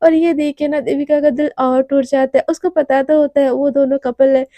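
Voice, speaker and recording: A woman's voice: high-pitched, little pitch movement, moderate pace, mellow, no room sound. A young woman casually narrating a romance story, chatty and addressing listeners.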